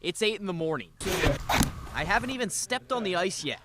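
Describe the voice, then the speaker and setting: A male sports reporter giving scripted news narration with a lively storytelling delivery. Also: high-pitched, fairly quick, very noisy.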